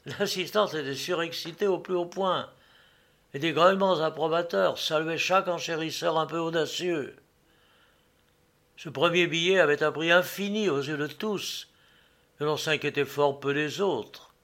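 A man narrating a classic novel as an audiobook, in a measured, expressive storytelling manner. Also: a little high.

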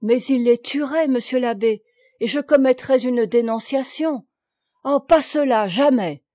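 A woman's voice: a little high, unhurried, dark tone, dry recording, studio quality, close to an everyday voice. A woman voicing a frightened, pleading noblewoman. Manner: pleading and faltering.

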